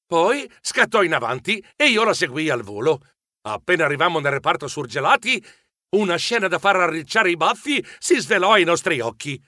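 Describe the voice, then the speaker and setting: Lively playful male storyteller. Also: a little high, moderate pace, no room sound, studio quality. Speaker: narrator. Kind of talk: children's audiobook narration.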